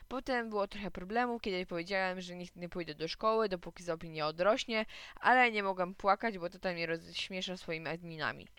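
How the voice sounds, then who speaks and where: A woman's voice: on the low side, brisk, fairly bright tone, clean tone, dry recording. A woman reading a children's story aloud, narrating expressively in first person as a young boy.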